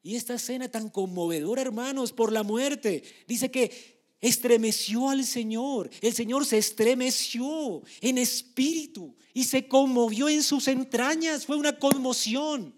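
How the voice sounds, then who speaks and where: Male preacher with a high-pitched voice, emphatic sermon delivery that swings from soft to loud. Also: measured pace.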